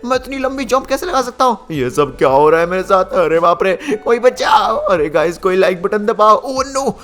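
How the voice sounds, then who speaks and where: A man's voice: high voice, normal speed. A young man giving dramatic gameplay commentary, gasping theatrically and constantly talking to viewers. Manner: excitable, theatrical gasps, constantly addressing viewers. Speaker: gaming YouTuber narrating as player character.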